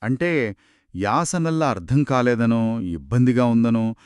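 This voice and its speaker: Animated man asking podcast questions. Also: mid-range voice, a little slow, clear, resonant tone, no echo, studio quality. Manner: asks follow-up questions and recaps. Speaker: podcast co-host. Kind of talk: book discussion podcast.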